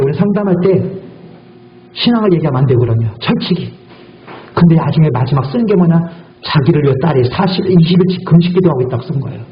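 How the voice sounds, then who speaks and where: A male guest pastor preaching a sermon in a church sanctuary, emphatic and full of rhetorical questions. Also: fairly high pitch. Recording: echoey church hall, dull audio.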